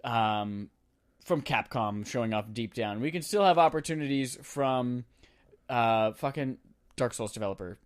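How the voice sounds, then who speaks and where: A man's voice: mid-range voice, lively intonation, measured pace, smooth. A man co-hosting a casual gaming podcast, joking and teasing his co-host. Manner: joking, teasing, does mock voices in quotes.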